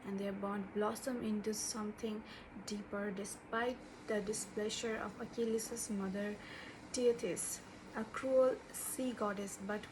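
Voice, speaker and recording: Slow-talking Bengali-accented woman, noisy recording. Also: medium pitch. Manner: halting, searching for words, self-deprecating. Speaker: book reviewer. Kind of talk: casual unscripted book chat.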